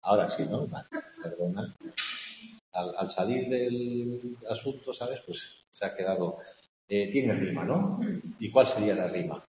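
A man's voice: fairly low pitch, measured pace. A man, teaching a class on poetic meter and often asking "¿no?" to check his students are following. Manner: chants vowels loudly when scanning verse. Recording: echoey hall with faint hiss, mic far off.

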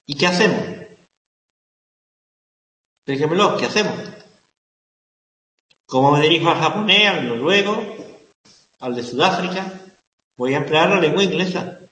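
A man's voice: fairly high pitch, expressive, moderate pace, long pauses, bright, forceful tone. A male lecturer giving a classroom lecture, repeating key words and asking the class questions. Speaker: university lecturer. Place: lecture hall. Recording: echoey hall, lecture room reverb.

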